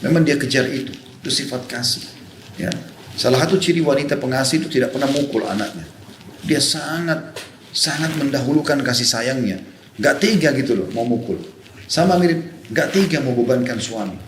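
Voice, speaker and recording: A man's voice: medium pitch, animated, moderate pace, pauses often, echoey room, slight background noise. A man preaching to an audience of women in an earnest, conversational way. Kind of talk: sermon to women.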